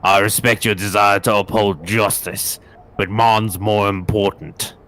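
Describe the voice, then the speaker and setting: A man voicing an eloquent, smooth-talking male thief in a video game, measured and formal, pitched below his usual voice. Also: fairly even intonation, fairly bright tone.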